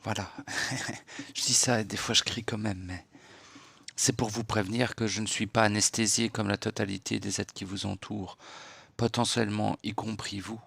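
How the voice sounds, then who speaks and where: Gravelly, hushed man. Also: lowish voice, flat delivery, no echo. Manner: hushed, unhurried, lecturing with rhetorical questions. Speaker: spiritual speaker. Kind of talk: late-night spiritual monologue.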